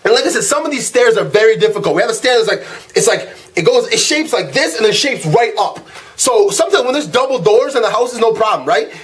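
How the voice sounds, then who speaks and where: A man hosting his own channel, delivering a comedic, profane rant monologue in an animated way. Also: high-pitched. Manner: fast-talking, animated and profane. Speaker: channel host.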